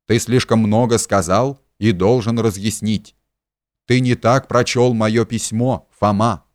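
A man voicing a kindly middle-aged gentleman who pleads and shouts in agitation. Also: on the low side, steady tone, unhurried, no echo, studio quality, lightly acted. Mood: agitated.

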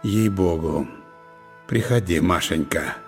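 Man voicing a sly young cossack guy, low and hushed, coaxing, faint music under it. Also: slow pace.

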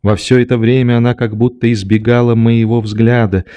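A man narrating a classic novel as an audiobook in a calm, unhurried reading. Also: medium pitch.

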